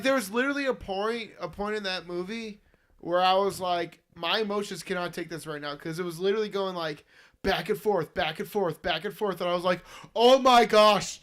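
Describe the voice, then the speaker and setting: A man's voice: sits high, a bit bright. A young man hosting a casual late-night chat, joking and laughing often, sleepy and yawning. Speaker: podcast host.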